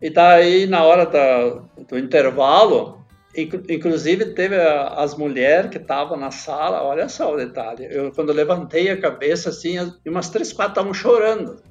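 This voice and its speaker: A man's voice: on the high side, normal speed. A man, a podcast guest rambling through stories and acting out the dialogue he quotes. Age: 70s. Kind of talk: casual storytelling. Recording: dull lo-fi podcast audio with faint music.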